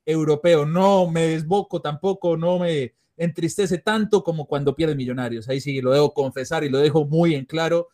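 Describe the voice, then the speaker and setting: A man's voice: on the high side, normal speed, few pauses, mellow. A man from Colombia, a sports journalist and podcast guest, talking enthusiastically and rambling with fillers. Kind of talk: casual podcast chat.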